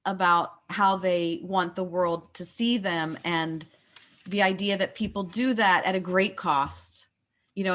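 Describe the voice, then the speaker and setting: An American woman leads a thoughtful literary discussion, explaining her ideas reflectively and often rephrasing mid-sentence. Her voice is medium in pitch and a bit bright.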